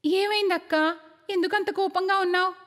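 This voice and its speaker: A woman voicing a gentle but firm young daughter-in-law in a cartoon story, speaking earnestly. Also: very high-pitched, steady tone, normal speed, big-room sound, pitched above the performer's own voice. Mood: concerned.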